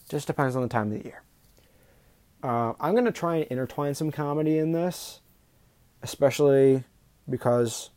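Nervous, stammering young podcast host. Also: male voice, mid-range voice, a little mellow, dry recording. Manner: nervous, stumbling, many ums and restarts. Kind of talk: unscripted solo podcast talk.

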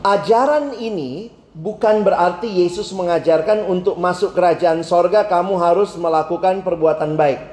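A man preaching a sermon, acting out both sides of a phone conversation in a lively storytelling way and stretching single words for emphasis. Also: high voice, slight background noise. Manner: animated, acts out both sides of a phone call; emphatic, drawn-out words for stress. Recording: echoey hall with faint ambience.

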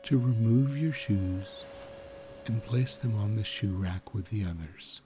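Over clearly audible background music, a man with a lowish voice guides a sleep meditation. He speaks very slowly and soothingly, leaving long pauses between phrases.

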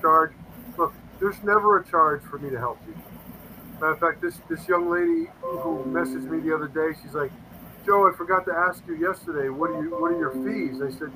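Over a noisy background, a fifty-something man with a fairly high voice talks as a guest paranormal investigator. He rambles earnestly through stories in a casual interview, frequently quoting his own words.

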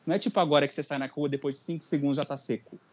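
Fast-talking young Brazilian man. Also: a little high, husky. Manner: animated storytelling, acts out quotes. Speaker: podcast host. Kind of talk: casual chat.

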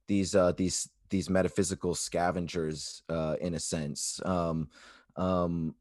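A man in casual philosophical discussion, speaking haltingly and tentatively as he searches for his words. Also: low voice, level tone, darkish tone, no echo, clean studio sound.

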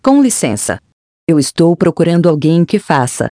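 A timid little girl in an audiobook asks shy, unsure questions, as a narrator puts her on. The voice is mellow and close, with a dry sound. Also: mid-range voice, sing-song, normal speed, no room sound, lightly acted. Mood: pleading. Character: young girl, lost and unsure.

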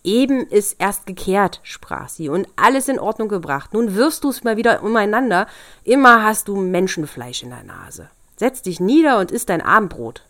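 A woman's voice: fairly low pitch, moderate pace, no echo, clean studio sound, lightly acted. A woman reading a fairy tale aloud, voicing the Devil's grandmother as a shrewd, soothing old woman. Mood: coaxing.

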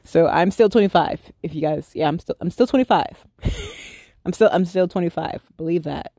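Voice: medium pitch, animated, normal speed, warm tone, no room sound, studio quality. A thirty-year-old podcast host talking alone in a casual, rambling way and often stopping to correct themself. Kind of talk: casual solo podcast monologue.

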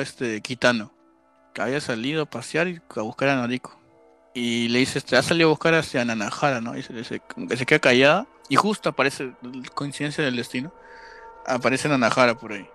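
A man's voice: mid-range voice, brisk, pushed and bright, faint music behind. A man, co-hosting a casual podcast and retelling a film plot step by step.

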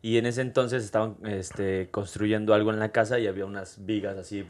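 A man's voice: on the low side, brisk. A man with a Mexican accent hosting a casual podcast chat, telling childhood stories and swearing casually. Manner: animated storyteller, swears casually. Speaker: podcast host.

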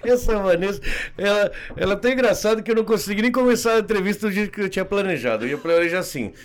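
High, lively podcast host. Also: male voice, rapid-fire. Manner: loud, laughs often, animated. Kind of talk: casual podcast interview.

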